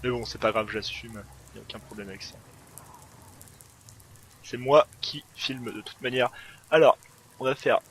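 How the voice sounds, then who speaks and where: A man's voice: medium pitch, normal speed, pauses often, a bit bright, slight background noise. A man hosting a gaming video, giving casual gameplay commentary in a rambling way full of fillers and self-corrections.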